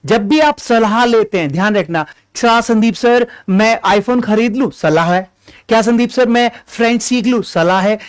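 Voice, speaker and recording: A man with an Indian accent teaching an online spoken-English lesson, energetic and repetitive, drilling his students. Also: high-pitched, no echo.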